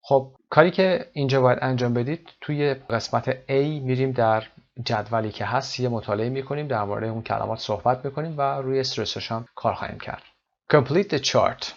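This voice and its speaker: A man explains an English lesson at an easy, steady pitch. His voice has a gravelly, creaky edge, and the recording sounds dull and lo-fi. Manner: mixes English terms into explanations, with fillers. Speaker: English teacher.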